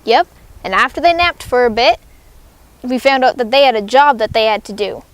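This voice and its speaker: A young woman voicing Huckleberry Finn, a rough, swaggering village boy with folksy grammar, in a school character play. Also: fairly high pitch, animated, moderate pace, no echo, close to an everyday voice.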